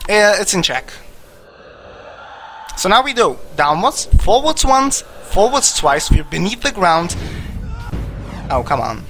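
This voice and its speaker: A man talks through his speedrun live, loose and rambling with lots of fillers. His voice sits a bit high and comes across bright and forceful, with a faint hiss of background noise. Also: sing-song, slow, pauses often. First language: Czech. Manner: casual, rambling, filler-heavy with frequent "like". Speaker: speedrunner at a charity marathon. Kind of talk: live gameplay commentary.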